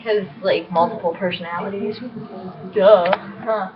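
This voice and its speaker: A woman's voice: mid-range voice, steady tone, a little slow, a crowd in the background. A woman rambling in a casual vlog, giggling and gushing as she talks. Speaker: vlogger. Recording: dull lo-fi with voices behind.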